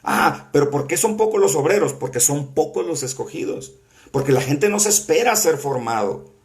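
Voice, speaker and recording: A male preacher with a slightly high-pitched voice teaches a Bible class. He talks earnestly and conversationally, weaving scripture quotes in with frequent fillers and false starts. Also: animated, normal speed. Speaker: apostle teaching a prophetic school class. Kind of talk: sermon-style Bible teaching.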